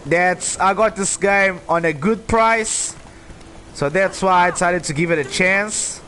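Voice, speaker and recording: A man's voice: high-pitched, unhurried, sharp tone. A man giving casual, chatty gameplay commentary as a streamer, with a playful manner. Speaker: game streamer. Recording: clear background game noise. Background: game ambience.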